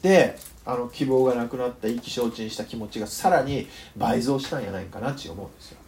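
A man with a northern Kyushu accent preaching a sermon, telling the story with animated, joking asides. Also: medium pitch, quick pace, creaky, a little hiss or hum. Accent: northern Kyushu Japanese. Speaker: pastor.

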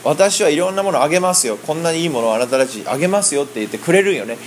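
A man interpreting a sermon in lively, colloquial speech and acting out the quoted voices. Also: on the high side, rapid-fire, slight background noise. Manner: animated, acts out quoted voices. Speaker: interpreter for a preacher.

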